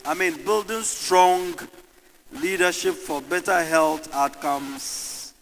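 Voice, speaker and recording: A man's voice: a little high, slow, gravelly. A man with a Ghanaian accent moderating a conference panel, rousing the audience and calling for responses. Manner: rousing, calls for crowd responses. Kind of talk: conference address. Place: large conference hall. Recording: echoey hall with faint room noise.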